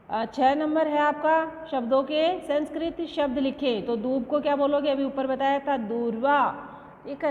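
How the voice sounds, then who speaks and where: A woman school teacher giving a class lesson, patiently asking questions and then answering them herself. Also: high voice. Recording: dull lo-fi with long reverb.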